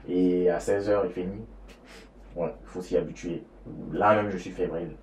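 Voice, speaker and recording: A man's voice: deep voice, fairly even intonation, moderate pace, a little hiss or hum. A young man from Niger talking casually in a vlog, rambling and repeating himself with many fillers. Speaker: student vlogger. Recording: roomy echo, faint ambience.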